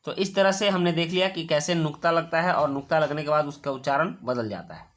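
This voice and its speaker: A man teaching a children's worksheet lesson, explaining patiently step by step and repeating words slowly. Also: on the high side, fairly bright tone, slight background noise.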